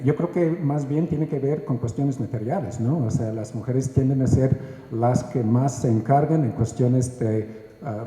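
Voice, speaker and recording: Brief: man from Canada, panelist, very dark tone, halting with fillers, echoey hall. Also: mid-range voice. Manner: measured, many hesitant 'ah' fillers. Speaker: book author and researcher. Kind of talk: panel talk answering questions. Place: large hall at a book presentation.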